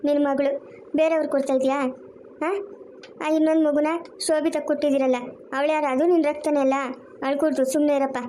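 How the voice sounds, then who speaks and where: Woman playing an older village woman, soothing and coaxing, high but lowered voice, brisk. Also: level tone, dark tone, slight background noise, natural voice. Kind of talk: family cartoon voice acting.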